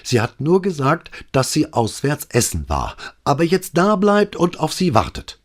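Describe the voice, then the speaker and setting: A man's voice: on the high side, huge pitch swings, moderate pace, voice pushed up. A man voicing a flustered, out-of-breath police sergeant who stammers out an urgent report. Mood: agitated.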